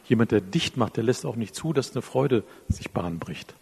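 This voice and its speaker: A man preaching a sermon, speaking directly to his listeners, acting out little dialogues and dropping to quiet phrases at the ends of lines. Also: medium pitch, animated, normal speed, creaky, slightly rough. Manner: drops to soft, quiet phrases at line ends. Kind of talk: sermon with a closing prayer.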